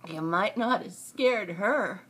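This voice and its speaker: A woman voicing a startled elderly man who jokes dryly, speaking slowly. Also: medium pitch, lively intonation, fairly bright tone, breathy edge, heavily acted, rough recording.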